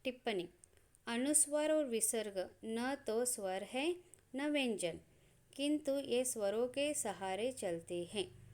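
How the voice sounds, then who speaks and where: A woman teaches a grammar lesson in a fairly high voice. She goes slowly and deliberately, spelling out each sound in turn with measured pauses. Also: expressive, darkish tone. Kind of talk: slow explanatory lesson.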